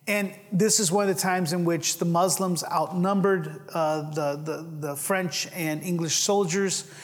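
A man's voice: sits high, steady tone, measured pace. Preaching man in a reverberant hall. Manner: earnest preaching with rising emphasis and frequent restarts. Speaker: pastor. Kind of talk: sermon.

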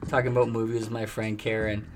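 A man's voice: lowish voice, flat delivery, fast. A man hosting a music show in a laid-back, chatty way, laughing often as he talks about records. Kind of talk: casual chat. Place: treehouse restaurant and bar. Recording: music clearly behind the voice.

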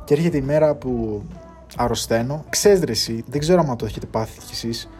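A man's voice: mid-range voice, faint music behind. A young man hosting his own podcast, talking casually and swearing freely, with English phrases mixed in. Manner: slangy and animated, mixing in English phrases and swearing. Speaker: podcast host. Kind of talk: casual solo chat.

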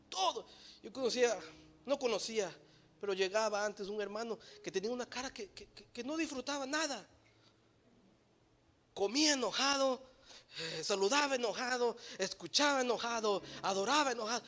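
A man delivers a sermon, moving between quiet, low reflection and loud shouting while dropping in brief English phrases.

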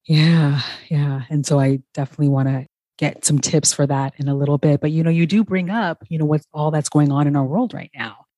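A woman hosting a podcast interview, affirming often and reflecting slowly on what her guest says. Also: low-pitched, fairly even intonation, mellow, dry recording. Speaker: podcast host.

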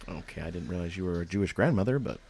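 A man's voice: sits low, animated, rapid-fire, gravelly, a little mellow, slight background noise. A man needling his friends in casual, crude group banter, with a sardonic manner.

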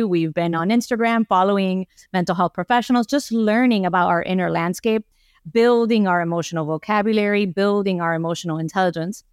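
A woman's voice: lowish voice, gravelly, no room sound, clean studio sound. A woman in her thirties from Miami, a guest psychologist on a podcast, explaining things in a thoughtful way with a lot of "like". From Miami, United States. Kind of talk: podcast interview.

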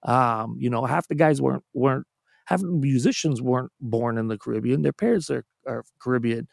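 With a brisk pace, medium pitch and vocal fry, a Canadian music producer chats casually as a podcast guest, telling long anecdotes that poke fun at himself and often restart. The recording is studio quality, free of echo.

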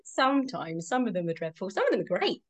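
A woman's voice: mid-range voice, sing-song, fast talker. A British woman in her thirties, a voice actress answering interview questions in a chatty way with frequent ums. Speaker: voice actress guest.

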